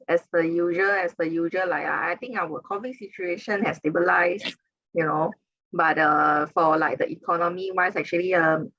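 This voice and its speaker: A woman's voice: fairly low pitch, fairly bright tone, dry recording, dull audio. A woman guest on an online panel chat, speaking hesitantly with many fillers and frequent laughs. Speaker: panel guest, rewards specialist.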